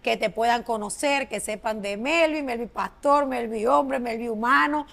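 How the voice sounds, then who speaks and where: Effusive woman host with gravelly edge. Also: fairly high pitch, moderate pace, a bit bright. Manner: effusive, admiring and affirming. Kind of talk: casual interview.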